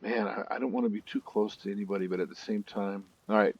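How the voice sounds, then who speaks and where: A man's voice: fairly low pitch, fairly even intonation, fast talker, husky, muffled recording. A man hosting a let's-play gaming video, telling stories in a chatty way with nervous asides.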